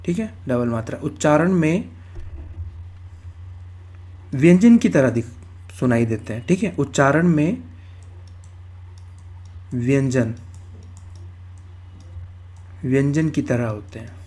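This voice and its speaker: A man's voice: medium pitch, animated, unhurried, pauses often, mellow, husky. A male Hindi grammar teacher giving an exam-prep lecture, explaining step by step, repeating key terms and asking and answering his own questions.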